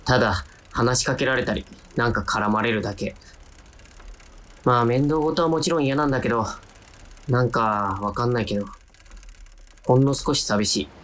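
Lightly acted and fairly bright, this mid-range voice moves at a normal speed with frequent pauses. It belongs to an actor playing a timid young adult narrator-protagonist, whose radio drama inner monologue is full of wry self-deprecation.

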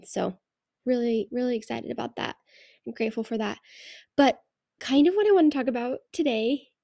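Woman, recorded under a blanket on her bed, nasal with a cold, rambling chatty host, fairly high voice, dead dry sound. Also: gravelly, warm tone, no echo. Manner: chatty and rambling, with fillers and little laughs. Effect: recorded under a giant blanket. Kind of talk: casual solo podcast chat.

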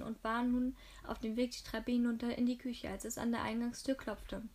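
A woman's voice: fairly high pitch, darkish tone. Stumbling woman reading a novel. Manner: stumbles and restarts words, swears at own reading. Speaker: reader of a novel aloud. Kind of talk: casual read-aloud of a novel.

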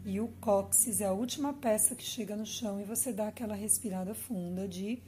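A Brazilian woman speaking as a yoga teacher in a calm, instructive manner. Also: mid-range voice, fairly quick, slight background noise. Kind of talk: guided yoga class.

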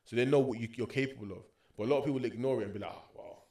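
Fast-talking young London roadman. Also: mid-range voice, darkish tone. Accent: London, urban roadman slang. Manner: slangy, opinionated, frequent tag questions like a street talker. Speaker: podcast co-host. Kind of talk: casual chat.

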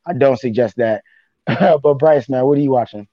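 A man's voice: mid-range voice, moderate pace, no room sound. A man hosting a podcast in a casual, chatty style. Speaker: podcast host. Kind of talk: casual chat. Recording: dry, slightly dull sound.

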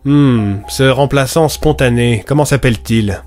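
A composed police inspector, played by a man in an audio story, courteous but firm. A mid-pitched voice over faint music. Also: a little mellow, natural voice. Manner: polite and measured, turning commanding.

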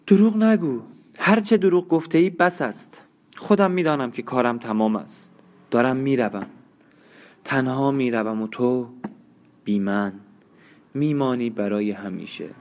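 A man's voice: medium pitch, long pauses, darkish tone, lightly acted. A man voicing a dying old woman, bitter and accusing, in an audiobook reading. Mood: angry.

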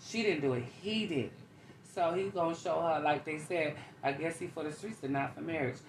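Low-pitched woman co-host, blunt and chatty, recorded in an echoey room. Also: fairly quick. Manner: blunt, interrupts to hold the floor. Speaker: podcast co-host. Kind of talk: casual chat. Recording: echoey room with faint ambient noise.

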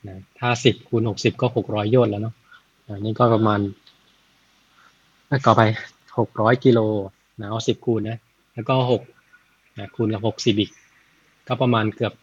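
A man retelling a Buddhist story in a casual, chatty way, often adding soft tag words and working out sums aloud. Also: lowish voice, little pitch movement, normal speed, pauses often, breathy edge, dull audio. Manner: chatty, frequent "na" tags, thinks aloud with math.

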